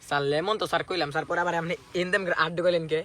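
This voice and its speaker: An actor playing a timid, whiny student in a comedy skit, pleading and complaining. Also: male voice, on the high side, fairly even intonation, rapid-fire, pushed and bright. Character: timid beaten young male student.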